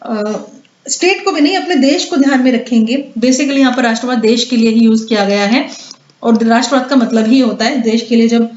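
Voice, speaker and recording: Female teacher, high voice, exam-prep lecture with frequent fillers and check-ins; echoey, lo-fi recording. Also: a little fast, a little mellow. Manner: explains with many fillers and restarts, checks in with "है ना". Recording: echoey dull lo-fi room sound.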